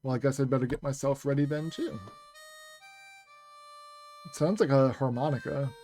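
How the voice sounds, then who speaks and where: A man's voice: mid-range voice, steady tone, normal speed, dark tone. A man streaming a video game, chatting casually with viewers over a headset. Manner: chatty, talks to chat while playing. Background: game music.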